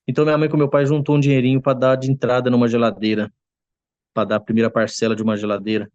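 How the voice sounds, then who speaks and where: A man gives an earnest testimony before a church congregation. His voice sits at an ordinary middle pitch, and the sound is close and dry with no room echo. He often turns to his listeners as brothers as the story goes on. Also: darkish tone, muffled recording. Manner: acts out quoted voices. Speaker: church member giving testimony.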